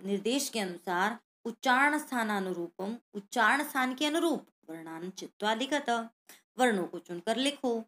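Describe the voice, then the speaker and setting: Her voice on the high side and fairly bright, a woman leads children through a Sanskrit worksheet, sounding out every letter and speaking to them directly.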